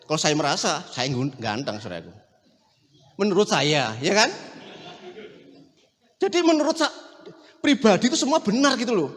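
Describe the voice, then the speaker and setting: A middle-aged male pastor preaching a sermon, telling stories with animated shouts and laughter. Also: high-pitched, in a large hall.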